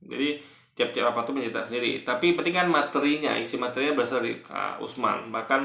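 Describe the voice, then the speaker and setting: A man's voice: medium pitch, fast talker, creaky, pushed and bright, reverberant. A man giving casual commentary on a clip, explaining with long examples and often tagging "guys" onto his sentences.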